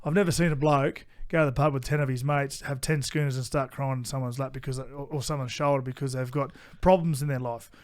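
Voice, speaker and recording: A man's voice: medium pitch, steady tone, fast talker, hardly any pauses, a little mellow. A middle-aged Australian man co-hosting a podcast, chatting casually and bluntly, swearing often and restarting his sentences. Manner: blunt, swears freely, repeats himself. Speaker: podcast co-host. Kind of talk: casual chat.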